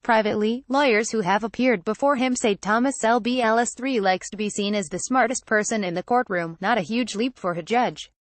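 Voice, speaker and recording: A woman narrating a news roundup in a steady, scripted read-aloud delivery. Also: on the high side, fairly quick, few pauses, no room sound.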